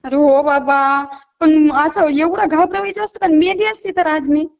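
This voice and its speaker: A woman talks on a phone call in a very high, gravelly voice. She speaks in a panicked, pleading way and scolds the caller. The phone audio is muffled and lo-fi. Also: fairly even intonation, a little slow. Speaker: prank call target.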